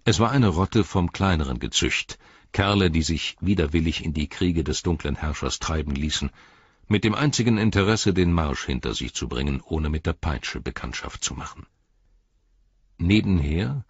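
A man narrating an audiobook in a measured, dramatic storytelling manner. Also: deep voice, husky, dry recording, lo-fi sound. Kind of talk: scripted narration.

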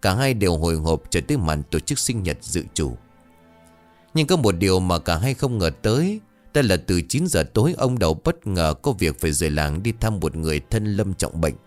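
Lively low-voiced male storyteller. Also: moderate pace, faint music behind. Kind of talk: scripted story narration.

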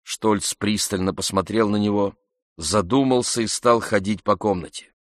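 A man slowly reading a classic novel aloud as narrator, in a measured, even way. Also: lowish voice, no echo, studio quality, lightly acted. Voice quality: slow, measured delivery. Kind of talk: audiobook reading.

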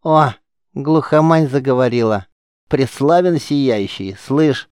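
A man's voice: mid-range voice, expressive, slow pace, a little mellow, clean tone, dry recording, studio quality, voice pushed up. A man voicing a cheeky small street boy who mocks and squabbles in slang, in an audiobook. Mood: mocking.

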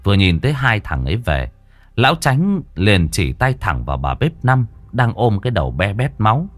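A male storyteller narrating a ghost story in an expressive, unhurried way. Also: lowish voice, no room sound, soft background music.

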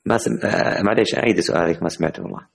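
A man teaching the rules of Quran recitation in an online class, explaining with many hesitant, drawn-out fillers. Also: low voice, creaky.

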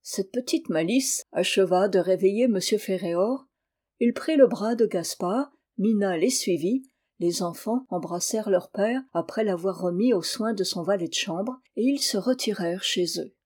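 A woman narrates a classic novel in a mellow, warm tone. She shifts her voice for the characters, going higher for the young wife and lower for the husband, with an even, medium pitch in between. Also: moderate pace. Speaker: audiobook reader.

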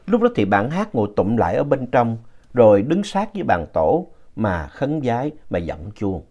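A man narrating a ghost story in a slow, retelling manner. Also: medium pitch, very animated, warm tone, highs cut off.

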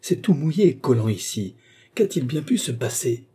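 A man doing a brisk young assistant. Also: mid-range voice, very animated, mellow, husky, voice pushed up. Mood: disgusted. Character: brisk young male assistant taking charge.

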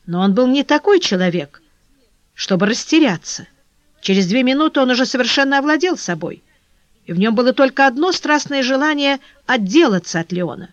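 An expressive narrator reading a classic novel aloud, with a voice that moves animatedly through its range. The recording is dull and lo-fi, with no room sound at all. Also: high-pitched, brisk, no echo. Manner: expressive storytelling. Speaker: audiobook narrator.

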